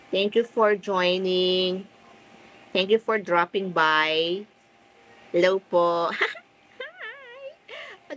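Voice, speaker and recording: A middle-aged woman from the Philippines with a full, loud voice, chatting casually while selling on a phone live stream from home. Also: lowish voice, slight background noise, rough recording. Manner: chatty, lively, fond of "o, di ba?".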